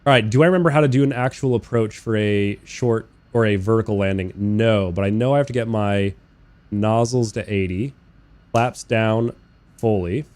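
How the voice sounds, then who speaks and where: A young man live-streaming a flight sim, chatting casually and rambling, swearing freely, talking to his chat and bursting into loud incredulous rants. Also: on the low side, moderate pace. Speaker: game streamer. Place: living in Australia.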